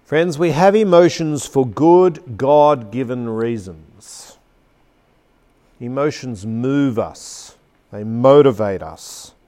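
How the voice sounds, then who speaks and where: A man teaching a class on preaching, reading a passage aloud with strong emphasis and slowing down on key words. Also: mid-range voice, mellow. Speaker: preaching instructor. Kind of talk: teaching talk with a dramatic read-aloud. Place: seated at a chair.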